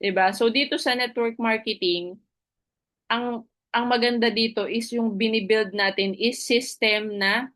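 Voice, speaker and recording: A woman's voice: on the high side, steady tone, unhurried, a bit bright. A woman giving a motivational network marketing presentation. She checks in with her listeners through frequent tag questions and switches between two languages mid-sentence. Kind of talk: motivational recruitment talk with a story.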